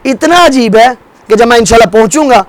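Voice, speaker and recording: At a mourning gathering, a majlis preacher delivers an impassioned sermon, swearing oaths and stacking rhetorical questions as he swings from loud peaks to hushed lows. His voice is very high and expressive, captured in a dry, poor-quality recording.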